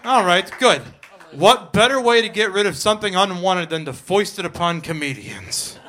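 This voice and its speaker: A man's voice: sits high, animated, moderate pace, pushed and bright, slight background noise. A man co-hosting a live comedy show, joking and laughing often as he explains the rules. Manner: jokey, laughing often, playful.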